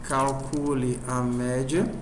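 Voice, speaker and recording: A man's voice: mid-range voice, level tone, slow pace. A man teaching a programming class in a classroom, talking informally and checking in with the class often. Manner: informal, asks the class constant check questions. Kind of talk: classroom lecture. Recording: roomy classroom recording with faint noise.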